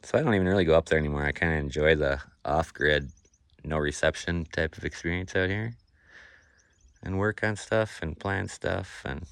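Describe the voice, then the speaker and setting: A young man with a nasal voice chats to camera outdoors on his off-grid cabin property, vlogging casually about the place. His voice sits low with a fairly bright tone at normal speed, and there's no room sound. He's laid-back and rambling, with lots of fillers and restarts.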